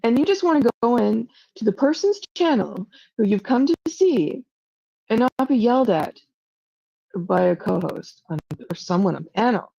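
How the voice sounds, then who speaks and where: A woman's voice: fairly high pitch, expressive, normal speed, gravelly, mellow, no echo, muffled recording. A woman streamer in casual livestream talk to her chat, rambling and emotional, full of self-doubt and "like" fillers. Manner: frequent "like" fillers.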